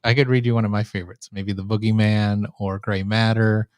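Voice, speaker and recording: A man's voice: fairly low pitch, flat delivery, a little fast, a little mellow, no echo. A man with a nasal voice, chatting casually as a live host, right up against the microphone. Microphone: microphone right up close.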